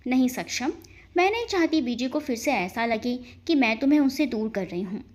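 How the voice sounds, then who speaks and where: A woman's voice: on the high side, expressive, moderate pace. A woman voicing a playful, affectionate young wife in a storybook romance. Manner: playful, pleading.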